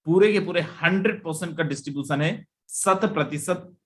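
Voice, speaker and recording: A man presenting a live online webinar, delivering an emphatic, repetitive sales pitch and lifting his voice on every "my friend" to call out to the audience. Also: normal speed.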